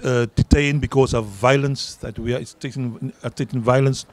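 At a garden event outdoors, a South African union leader in middle age, with an Afrikaans accent, gives earnest interview answers into a handheld mic. He speaks at normal speed with medium pitch and fairly even intonation, often repeating words for emphasis.

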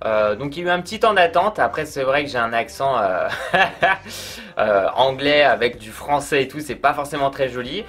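Speaking in a mid-range, animated and fairly bright voice, a man reviews a product quickly with hardly a pause. His delivery is chatty and informal, stuffed with fillers and aimed right at the viewer.

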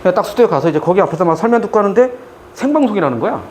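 A man's voice: sits high, big pitch swings, racing, darkish tone, a little hiss or hum. A middle-aged man teaching math to students in a classroom, chatty and joking as he tells stories between explanations. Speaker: math tutor. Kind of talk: lecture with storytelling asides.

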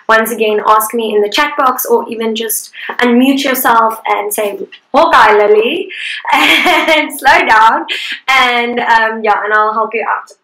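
Young woman art teacher, bright high voice, chatty and upbeat, echoey room. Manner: chatty and upbeat, laughs often. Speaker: art instructor. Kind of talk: live guided painting class.

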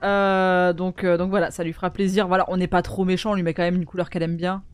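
A woman's voice: fairly low pitch, level tone, quick pace, clear, resonant tone, dry recording. A woman hosting a gaming video, chatting casually with friends while she plays, full of hesitations and laughs. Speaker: gaming channel host. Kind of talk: casual gameplay chat with friends.

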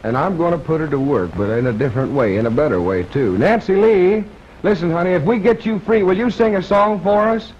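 A man's voice: on the high side, animated, fairly quick. Folksy man emceeing a 1950s TV show. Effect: 1950s TV broadcast sound. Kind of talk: folksy emcee patter between acts. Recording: dull lo-fi old TV broadcast with faint hiss.

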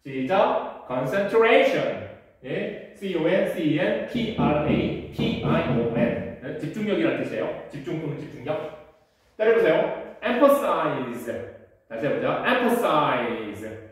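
Male teacher, vocabulary drill, slow deliberate delivery with a higher voice, recorded in a very echoey room. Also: very animated, distant mic. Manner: drills words, spells them out letter by letter; talks to students, asks them to repeat. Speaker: English teacher. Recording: very echoey room, voice from away from the mic.

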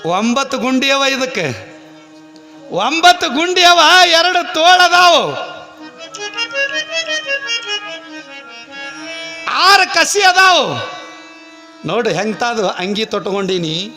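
A man's voice: high-pitched, animated, moderate pace, pushed and bright, faint music behind. A man doing an earnest generous young boy. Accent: North Karnataka Kannada. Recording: long hall reverb.

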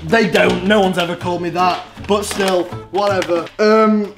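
Young male vlogger, high voice, loud teasing host, music bed under. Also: fairly even intonation, moderate pace, creaky, echoey room. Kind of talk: excitable prank vlog chat.

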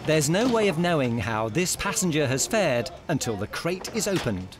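A man's voice: on the high side, sing-song, moderate pace. A man reading scripted narration as the narrator of a documentary. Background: loud background music.

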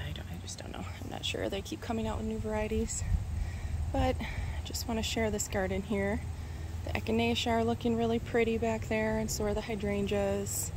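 A woman strolls through her garden with a handheld phone, chatting in a relaxed, musing way and pausing over plant names she half remembers. Her voice has a gravelly, fry-tinged edge, and loud insect and cricket noise surrounds her outdoors. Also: medium pitch. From Minnesota. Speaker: gardener giving a garden tour. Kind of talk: casual walking garden tour. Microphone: phone camera held while walking.

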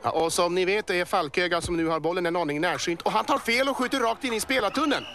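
A man voicing an excitable male boa snake who commentates a cartoon sports match, working up to yells at the goals. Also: high-pitched, noisy background. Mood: lively. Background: music.

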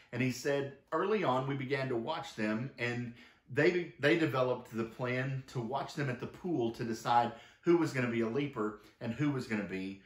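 A man's voice: mid-range voice, roomy sound. A man, the pastor, preaching a sermon and reading long quoted passages from a book aloud. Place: church sanctuary.

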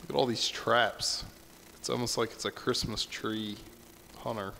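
Gravelly low-voiced male match caster. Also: steady tone, a little slow, pushed and bright, slight background noise. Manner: casual, musing, trails off and restarts mid-thought. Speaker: match commentator. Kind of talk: esports play-by-play commentary.

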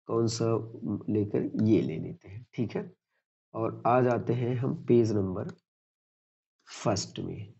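A man's voice: on the low side, takes it slowly, creaky, mellow, husky, dull audio. A man teaching a grammar lesson, who keeps repeating points and asks questions he answers himself.

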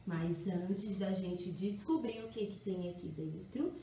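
Speaking slowly in a low, gravelly, mellow voice, a woman kindergarten teacher takes young children through letters with exaggerated, singsong encouragement. It's a phonics lesson recorded in an echoey room from a distant mic, with slight background noise.

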